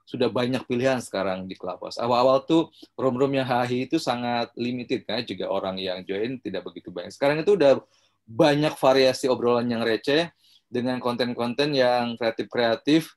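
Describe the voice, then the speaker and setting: A man speaking as a guest in a casual podcast chat, explaining his views in a measured way. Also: mid-range voice.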